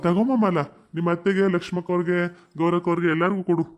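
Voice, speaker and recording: A man's voice: high voice, flat delivery, fast talker, darkish tone, natural voice. A man voicing a doting old village landlord father-in-law in a cartoon comedy, fond and teasing.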